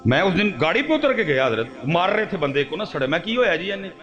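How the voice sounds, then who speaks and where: Punjabi accent guy giving a fiery sermon, tells stories, kinda muffled audio, soft music under it. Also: very animated. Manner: impassioned, swings high when acting out dialogue, storytelling. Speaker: preacher. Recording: dull lo-fi with faint music.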